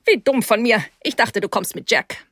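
A woman voicing a brisk, sporty middle-aged wife who talks crisply and in a hurry, raising her voice above her usual one. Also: a little high, lively intonation, a bit bright, no echo, clean studio sound, pitched above the performer's own voice. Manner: crisp, hurried, briskly chatty.

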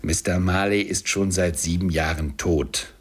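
A man voicing a stingy, bitter old male miser, gruff and low in an audiobook. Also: steady tone, unhurried. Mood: curt.

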